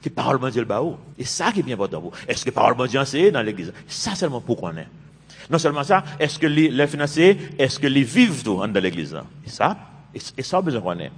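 A man's voice: medium pitch, very animated, quick pace, slightly rough. A man in his fifties, a pastor preaching a sermon with emphatic, repeated phrases. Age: 50s. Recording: long reverb of a large hall.

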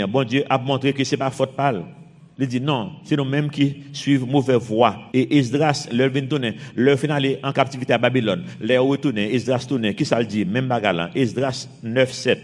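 A man's voice: steady tone, moderate pace, a little mellow. A man from Haiti with a Haitian French accent, preaching a sermon and reading scripture, his voice rising and dropping sharply in force. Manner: fervent, rises and drops sharply in pitch and force. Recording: long hall reverb.

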